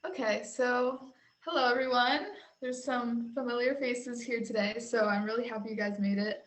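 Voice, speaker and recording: A woman from Puerto Rico hosting an information session on a video call, talking in a relaxed way with many ums. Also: on the high side, normal speed, rough recording. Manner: relaxed, filler-heavy with frequent ums. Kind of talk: casual hosting.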